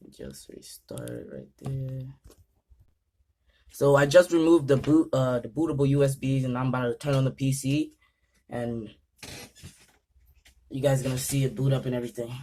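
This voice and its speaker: Young male vlogger, jittery and chatty, trips over words while setting up a PC; mid pitch. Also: fairly even intonation, brisk, long pauses, a little mellow, slight background noise. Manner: nervous, rambling, stumbles over words. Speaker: gaming channel host. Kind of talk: casual vlog commentary.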